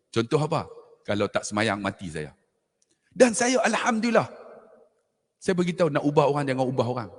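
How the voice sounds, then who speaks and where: Lively husky man with a hall echo. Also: medium pitch. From Malaysia. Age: middle-aged. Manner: lively, jokey, addresses audience as tuan-tuan. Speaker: religious forum speaker. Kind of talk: animated storytelling talk to an audience. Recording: hall reverb.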